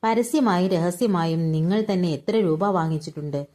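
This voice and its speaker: A woman reading aloud and voicing a wry, stubborn grown son who argues back quietly. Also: fairly low pitch, moderate pace, close to an everyday voice. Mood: wry arguing.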